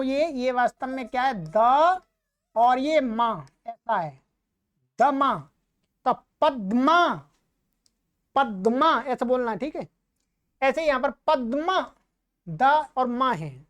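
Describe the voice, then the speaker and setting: A woman teaching Sanskrit verse recitation, chanting the lines slowly and then explaining pronunciation and repeating syllables for students to copy. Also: high-pitched, lively intonation. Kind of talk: slow chanted recitation with quick spoken explanations.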